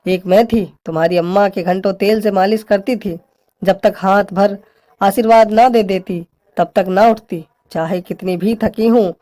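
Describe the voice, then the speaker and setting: A woman's voice: mid-range voice, fairly even intonation, normal speed, dark tone, natural voice. A woman playing a bossy, complaining older mother-in-law who scolds her daughter-in-law. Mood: scolding.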